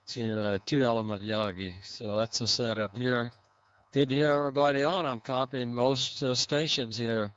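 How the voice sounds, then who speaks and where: Guy checking in on a ham net over the radio, smooth voice, muffled lo-fi sound, dry, lots of uhs. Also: medium pitch, no echo. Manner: relaxed, halting with frequent uh fillers. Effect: heard over a ham radio transmission. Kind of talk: on-air radio check-in report. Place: home radio station. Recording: dull, lo-fi radio audio.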